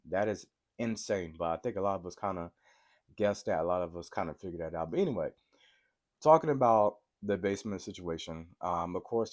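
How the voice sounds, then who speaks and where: A deep-voiced man with a cold and sore throat excitedly recaps a TV episode in a casual vlog for his viewers. He reviews episodes and keeps checking in with a quick "right?"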